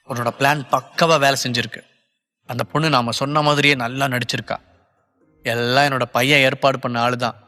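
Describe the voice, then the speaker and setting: A man's voice: mid-range voice, sharp tone, big-room sound. A man voicing a gloating, scheming middle-aged father plotting with others, in an audiobook. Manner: gloating, conspiratorial.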